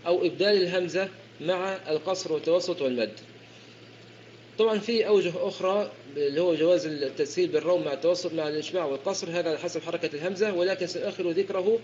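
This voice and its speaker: A man teaching the rules of Quran recitation in an explanatory lecture, often repeating and correcting himself as he goes. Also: on the high side. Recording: dull lo-fi recording with faint hiss.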